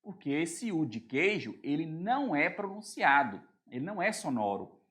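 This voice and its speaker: A man's voice: on the high side, big pitch swings, moderate pace, fairly bright tone. A man with a Brazilian Portuguese accent teaching an exam-prep grammar lesson, explaining step by step and often checking that students are following.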